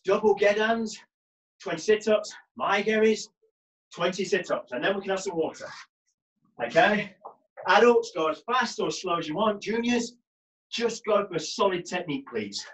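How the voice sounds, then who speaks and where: A man teaches karate online from a small gym with brick walls, calling out drills and cheering his students on as he trains with them, barking commands and encouragement. His voice sits high and expressive, a bit bright at a normal speed, over poor audio.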